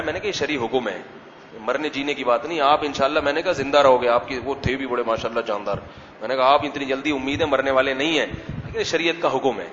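A man's voice: mid-range voice, a bit bright, a little hiss or hum. A man, an Islamic scholar, giving a weekly religious lecture in a conversational way, asking questions and answering them himself. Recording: echoey hall, slightly dull sound.

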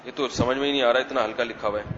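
A man's voice: mid-range voice, fairly even intonation, fairly bright tone, a little hiss or hum. Man lecturing in an echoey hall. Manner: conversational, with rhetorical questions and answers. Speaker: Islamic scholar giving religious rulings. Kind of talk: weekly religious lecture. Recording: echoey hall, slightly dull sound.

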